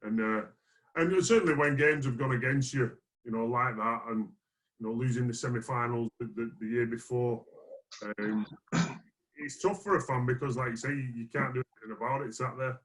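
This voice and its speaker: A man's voice: medium pitch, fairly even intonation, a little fast, a bit bright, low-quality recording. A man speaking earnestly as a player in a casual sports discussion, repeating phrases for emphasis. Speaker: rugby league player guest.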